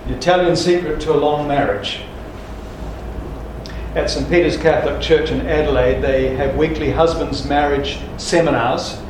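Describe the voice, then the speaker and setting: Man preacher, folksy and emphatic, higher pitch, distant mic in an echoey church hall. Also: fairly even intonation, normal speed, background noise. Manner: folksy joke-telling with restarts, emphatic. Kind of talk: sermon with jokes.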